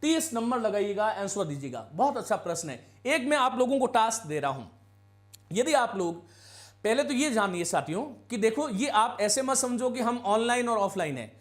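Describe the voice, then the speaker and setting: A man's voice: high voice, animated, normal speed. A man teaching an online Hindi grammar class for exam preparation, calling his students friends and explaining each number step by step.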